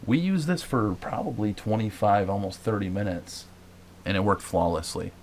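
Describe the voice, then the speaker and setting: A man with a low voice hosts a paranormal investigation show, explaining things to his viewers in a loose, chatty way. He circles back on himself often, filling gaps with uhs and restarted phrases. A faint hiss sits under the recording. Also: sing-song, moderate pace. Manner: rambling, many fillers and restarts.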